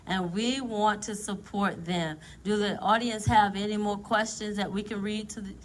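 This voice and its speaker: A woman's voice: medium pitch, fairly even intonation, moderate pace, a little hiss or hum, poor audio. Chatty woman hosting a talk show. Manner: chatty, with folksy informal grammar. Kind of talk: casual talk show chat.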